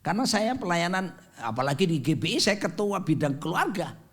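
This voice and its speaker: A man in his fifties preaching a sermon with a high, lively voice that leaps up and down. He delivers it dramatically, slipping in jokes and English phrases. He sounds like a pastor in a church. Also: a little fast, breathy edge. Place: church sanctuary.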